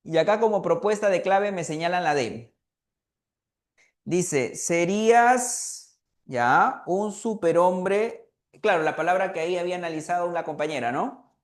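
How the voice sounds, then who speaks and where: Male teacher, online review lecture, high-pitched voice, roomy echo. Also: fairly quick. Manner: asks students questions, fills with "eh" and "¿ya?". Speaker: language teacher.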